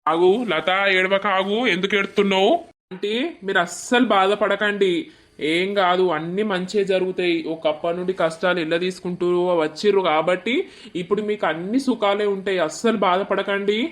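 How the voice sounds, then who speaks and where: A man's voice: high-pitched, steady tone, fairly quick, a bit bright. A man voicing a polite young village suitor in a cartoon, with a Telangana Telugu accent and a talkative, reassuring manner. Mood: soothing. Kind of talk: animated cartoon voice acting.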